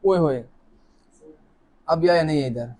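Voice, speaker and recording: A man whose voice sits on the high side speaks at a slow pace as he hosts a live lucky draw, seated alone at a camera in an office. Chatty and joking, he welcomes viewers warmly and reads out names during the casual stream.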